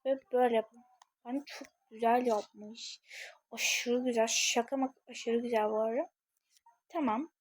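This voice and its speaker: Young woman, high voice, a bit husky, chatty game commentary, dry close mic. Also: steady tone, measured pace, no room sound. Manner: chatty, addresses viewers often, thinks aloud. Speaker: gaming channel creator.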